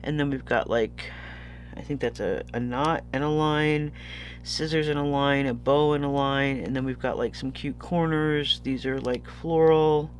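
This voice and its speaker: A man's voice: medium pitch, fairly even intonation, measured pace, slight background noise. A sniffly man chatting casually as a vlogger unboxing purchases, rambling and easily losing his thread. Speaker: vlogger showing stationery purchases.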